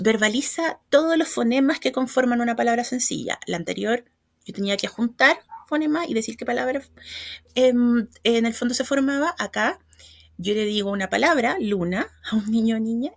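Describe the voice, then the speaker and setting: A woman's voice: a little high, gravelly, no room sound, clean studio sound. A woman, giving an explanatory lecture as a trainer and checking in with her listeners after each step. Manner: explains step by step, often checking understanding with short tag questions. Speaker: educational trainer.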